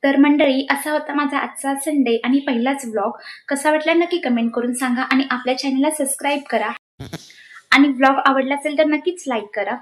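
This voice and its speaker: Young woman vlogging, high voice, chatty, bit of hiss behind. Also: fairly quick. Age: young adult. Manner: chatty, addresses viewers directly. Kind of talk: casual vlog narration.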